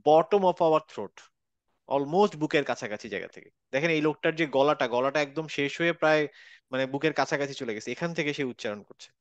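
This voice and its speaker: A man with a Bangladeshi Bengali accent leads an online recitation class. He speaks patiently and demonstrates each sound by repeating it, in a slightly high voice. The sound is dry and close, as on a video call. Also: a little fast, no room sound, lo-fi sound. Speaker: Quran recitation teacher. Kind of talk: online class teaching pronunciation.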